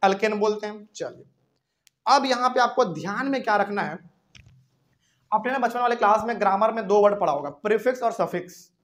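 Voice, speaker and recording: A man's voice: sits high, brisk, fairly bright tone. A man teaching a chemistry lesson at a whiteboard in Hindi with a Bihari accent, asking the class questions as he explains step by step.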